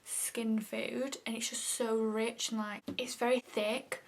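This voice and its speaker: A woman's voice: a little high, level tone, takes it slowly. A young woman chatting through a makeup tutorial, filling her talk with "like" and often dropping to a half-whisper. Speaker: makeup vlogger. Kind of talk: casual makeup tutorial chat.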